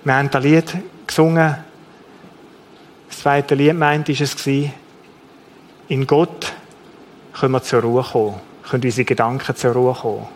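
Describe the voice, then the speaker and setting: A man's voice: mid-range voice, flat delivery, unhurried, pauses often, slight background noise. A man with a Swiss German accent preaching a sermon in an earnest way, often repeating key phrases for emphasis.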